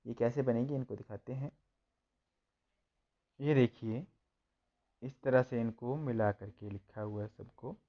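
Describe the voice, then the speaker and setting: A man's voice: mid-range voice, fairly even intonation, measured pace, pauses often, highs cut off. A man teaching a school textbook lesson, reading each line and then translating and repeating it.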